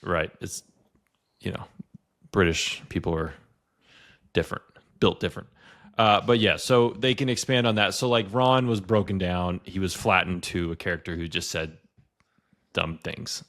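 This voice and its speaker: A man with a very low, deep voice co-hosts a podcast in loose, casual chat. He rambles and leans on filler words, talking into a podcast mic. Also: normal speed, pauses often, fairly bright tone. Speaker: podcast co-host.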